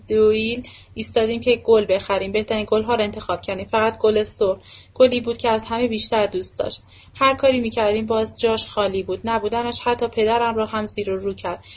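A woman narrates a novel at an unhurried, even pace, her pitch held almost level from line to line. The recording sounds dull and somewhat muffled, with the top end rolled off. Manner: steady, even reading with a flat, level delivery. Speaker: audiobook reader.

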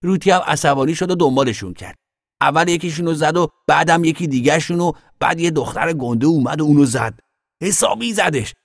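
A man voicing an excited young boy who eagerly retells a fight, in an audiobook reading. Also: fairly high pitch, no room sound, studio quality, voice pushed up, natural voice. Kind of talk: audiobook character voice.

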